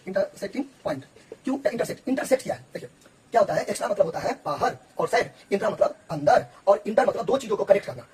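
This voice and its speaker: Fast-talking male math teacher. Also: sits high, a little mellow, slight background noise. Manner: quick, repetitive, checks in with the listener often. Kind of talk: explaining geometry on a board.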